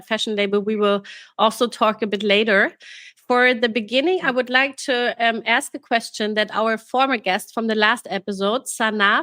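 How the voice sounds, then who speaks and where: Measured woman host, dry sound. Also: fairly high pitch, pushed and bright, no room sound. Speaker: podcast host. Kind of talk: hosting an interview.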